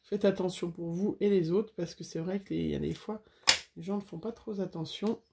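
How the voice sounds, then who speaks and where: A woman's voice: lowish voice, normal speed, vocal fry, dark tone, slight background noise. A woman chatting casually to viewers while making a scrapbooking craft, with frequent fillers.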